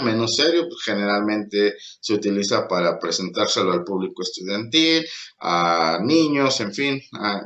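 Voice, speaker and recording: A man giving a recorded lecture as a teacher, slow and halting, with many fillers. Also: on the low side, bright, forceful tone. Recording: echoey room.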